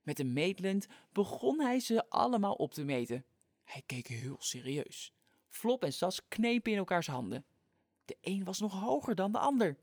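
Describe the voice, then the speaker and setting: A storyteller reading a children's story aloud with an expressive, lively delivery. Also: mid-range voice, moderate pace, no echo, studio quality.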